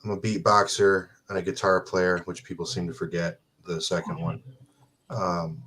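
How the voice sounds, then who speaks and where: Brief: young man, low voice, deadpan musician guest. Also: moderate pace. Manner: dry, matter-of-fact humor. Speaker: beatboxer and guitarist guest. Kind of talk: casual podcast chat.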